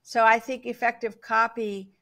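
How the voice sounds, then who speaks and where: A middle-aged woman hosts an interview over a webcam call from her office. Her voice sits a little high, and she keeps a friendly, affirming tone as she chats with her guest. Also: little pitch movement, moderate pace, creaky, bright, forceful tone. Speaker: podcast host. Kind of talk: casual interview chat. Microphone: video call webcam.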